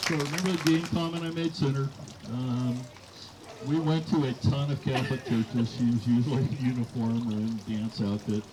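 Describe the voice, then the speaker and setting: A man's voice: mid-range voice, fairly even intonation, normal speed, a loud crowd. A middle-aged man giving an informal wedding toast as father of the bride, telling stories in a folksy way. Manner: folksy storytelling, acting out quoted dialogue. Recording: live event with clear background noise.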